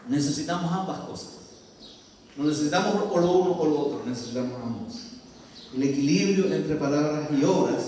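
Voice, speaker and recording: A man preaches a sermon with a high-pitched voice, reading scripture aloud and asking the congregation questions. He is recorded from far off in a church hall with strong echo and a long reverb tail. There is a faint hiss underneath. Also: a little mellow. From Chile. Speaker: pastor.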